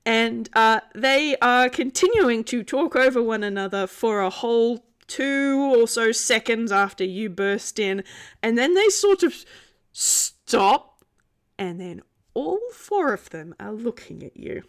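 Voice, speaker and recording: A woman's voice: on the high side, expressive, takes it slowly, clear, resonant tone. A woman narrating a tabletop game as game master, improvising in an informal, conversational way.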